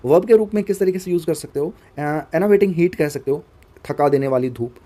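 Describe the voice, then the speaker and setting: Man teaching vocabulary, dark mellow voice. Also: fairly high pitch, lively intonation. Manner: spells words letter by letter, slow and deliberate; conversational, asks viewers to comment. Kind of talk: vocabulary lesson for exam students.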